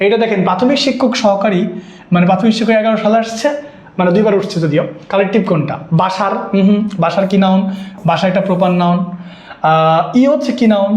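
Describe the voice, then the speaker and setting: A man's voice: high-pitched, darkish tone, reverberant. A man teaching a live online exam-prep class, who repeats himself and keeps quizzing his students. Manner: repetitive, questioning students constantly. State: sweaty and worn out.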